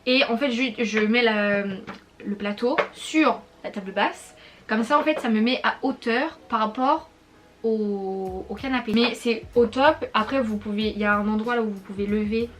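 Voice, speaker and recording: A young woman with a slightly high voice talks through her purchases for her vlog audience. She rambles easily, filling her sentences with hesitations and restarts in a relaxed, casual way. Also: moderate pace, faint music behind. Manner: chatty, rambling with many fillers and restarts. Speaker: YouTuber. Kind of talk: casual product review vlog.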